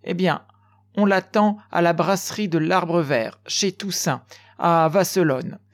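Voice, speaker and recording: Man playing an excitable middle-aged man, raised voice, slow emphatic delivery. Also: sits high, voice pushed up.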